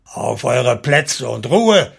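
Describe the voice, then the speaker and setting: A man voicing a firm male army commander who speaks in a slow, deliberate way. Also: medium pitch, gravelly, fairly bright tone, slightly rough, full character voice. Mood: commanding.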